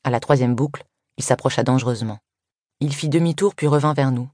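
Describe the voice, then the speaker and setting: A woman reading a first-person story aloud in an even, measured way. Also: extremely low pitch, dry recording, studio quality. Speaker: audiobook reader. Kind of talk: scripted first-person narration.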